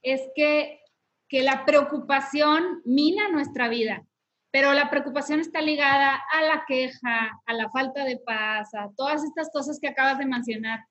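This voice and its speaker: A woman's voice: high voice, moderate pace, fairly bright tone, lo-fi sound. A woman hosting a faith podcast, talking through steps in an instructive way with frequent tag questions. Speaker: podcast host. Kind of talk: casual faith podcast conversation.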